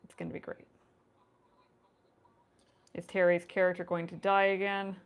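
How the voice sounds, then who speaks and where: A woman talks into her desk mic while painting, chatty and quick to laugh as she explains each step. Her voice sits a little low for a woman. The setting is a relaxed home studio stream. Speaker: miniature painter hosting a live stream. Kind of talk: casual chat while painting.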